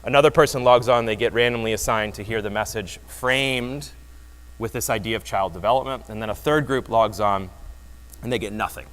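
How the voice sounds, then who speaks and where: A man giving a lively, wry conference talk that explains research results, often restarting his phrases. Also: lowish voice, brisk. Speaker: presenter. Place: conference hall. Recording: long hall reverb.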